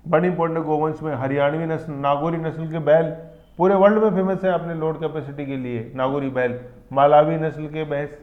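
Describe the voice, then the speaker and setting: A man's voice: on the high side, fairly even intonation, fairly quick. A man teaching an exam-prep class in a conversational way, often repeating points and checking in with the students. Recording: dull lo-fi sound.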